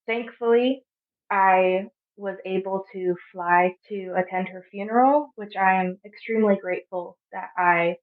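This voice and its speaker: A young woman in her twenties from Arizona, telling a personal story softly, with halting pauses. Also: medium pitch. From Arizona, USA. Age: 20s. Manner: soft, halting, with frequent pauses. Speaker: podcast guest. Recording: phone-like narrow sound.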